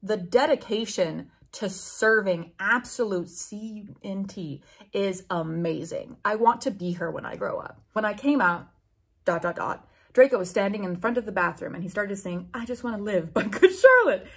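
Husky and expressive with a medium pitch and moderate pace, this woman in her twenties hosts a YouTube reading of fanfiction. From a small home room with bookshelves indoors, she delivers sweary, incredulous, theatrical comic commentary.

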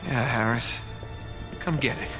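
An actor playing a wry, quick-witted treasure hunter in his thirties in a video game, talking casually. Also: medium pitch, music in the background, natural voice. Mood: defiant. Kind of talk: video game cinematic acting.

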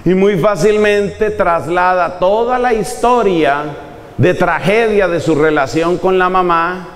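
Male preacher, lively and humorous, fairly high voice, long echo of a church hall. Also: takes it slowly. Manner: animated, humorous, acting out examples. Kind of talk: sermon.

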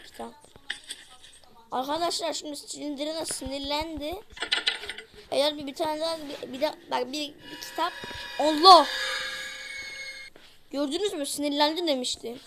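Long pauses break up this woman's steady, high-pitched speech, delivered at normal pace with background noise. A gaming channel host, she plays a horror game for viewers, talks to them throughout, and cries out when frightened.

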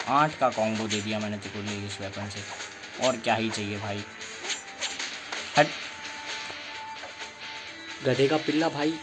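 An excitable man talks through a fighting game as he plays, yelping and groaning at each hit. His delivery is unhurried between the outbursts, with his natural pitch sitting at a middle level. Loud game music plays behind him the whole time. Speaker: gaming YouTuber. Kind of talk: live gameplay commentary.

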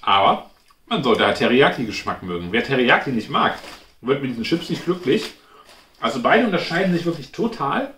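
Animated man reviewing snacks, echoey room. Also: medium pitch, moderate pace. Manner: informal, thinking aloud while tasting. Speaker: food review host. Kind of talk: casual chat, snack taste-test review. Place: indoors at home, in front of a glass cabinet. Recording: roomy echo, clear background noise.

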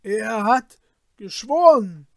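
A man's voice: high voice, slow, no room sound, studio quality, pitched above the performer's own voice. A man doing a nervous police judge. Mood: fearful. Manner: hesitant and fearful. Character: fearful male police judge.

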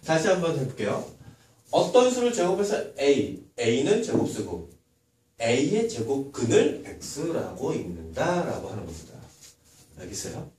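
Male math teacher, animated classroom delivery with constant rhetorical questions; distant mic, room echo. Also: mid-range voice, a little slow. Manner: lively, asks many rhetorical questions. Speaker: middle school math teacher. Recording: echoey room, far from mic, faint noise.

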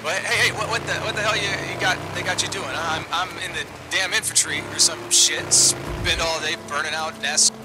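A man's voice: on the high side, fairly even intonation, normal speed, few pauses, very noisy. An actor playing a jittery male army buddy talking over a two-way radio, rambling and stammering with nervous laughs, in video game dialogue. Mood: griping. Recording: loud game music behind. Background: game music.

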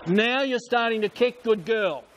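Older male swim coach, high projected voice. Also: unhurried, a bit bright, muffled recording. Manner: short repeated instructions, counting, projecting across the pool. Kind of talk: swim coach calling out drills and counts to a squad. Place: large indoor swimming pool. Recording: noisy indoor pool, splashing ambience.

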